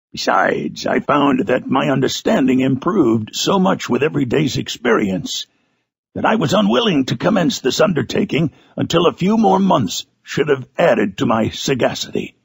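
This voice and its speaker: Frankenstein's monster, deeply gravelly and wretched. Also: male voice, no echo, heavily acted. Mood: melancholy, earnest. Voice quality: very gravelly, raspy. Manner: grave, formal, anguished theatrical delivery. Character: Frankenstein's monster, wretched, eloquent, brooding male creature. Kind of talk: dramatic audiobook monologue from a gothic novel.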